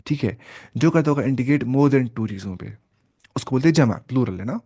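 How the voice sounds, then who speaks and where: Medium in pitch and dark in tone, this man's voice delivers a lecture on Arabic grammar. He quizzes his students, then gives the answers himself, working English terms into the lesson.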